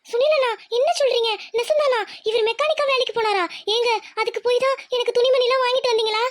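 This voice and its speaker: Very high and quick, this is a woman playing a humble young village wife in a cartoon, soft-hearted and pleading. Her speech rushes along in a thin, bright register. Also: lightly acted. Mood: surprised.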